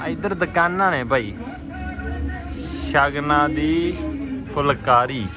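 A man's voice: on the high side, takes it slowly. A young man with a Punjabi accent giving casual, slangy, enthusiastic vlog commentary as he shows viewers around. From Punjab, India. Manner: colloquial, enthusiastic exclamations and slang. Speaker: vlogger showing viewers around. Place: outdoors at a village-themed attraction. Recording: loud music behind outdoor vlog.

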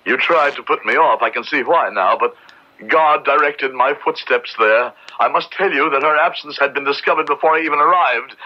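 In an old radio drama, a man with a medium-pitched, natural voice plays a grave, devout Puritan judge, delivering formal, solemn oratory at a moderate pace. His mood is solemn and resolute. The recording sounds dull and band-limited, like vintage radio.

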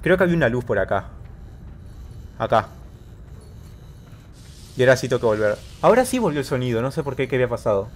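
A man's voice: mid-range voice, sing-song, fast talker, long pauses. A man casually commentating his gameplay, talking himself through each move and yelping repeated words when in danger. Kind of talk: casual let's-play commentary.

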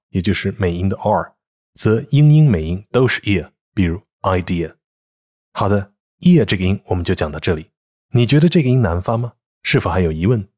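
Husky-voiced male English teacher. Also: on the low side, darkish tone. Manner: clear, patient demonstration of English words. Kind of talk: scripted pronunciation lesson.

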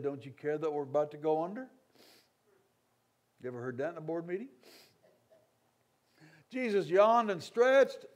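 A man preaching a revival sermon, telling stories with humorous asides and acting out complaining crowds. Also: high-pitched. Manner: dynamic, swinging from loud outbursts to quiet asides.

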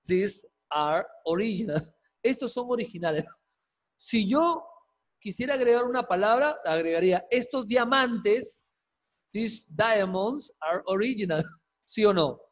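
A man teaching an English class online, lively and coaxing, quizzing students with quick questions and jokes. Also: high voice. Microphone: video call. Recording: dull lo-fi video call audio.

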